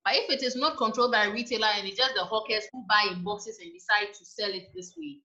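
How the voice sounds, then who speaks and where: Woman lecturer, bright tense voice, measured and explanatory, echoey lecture room, dull lo-fi sound. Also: mid-range voice. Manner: measured, explanatory, ends points with "right?". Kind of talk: university lecture.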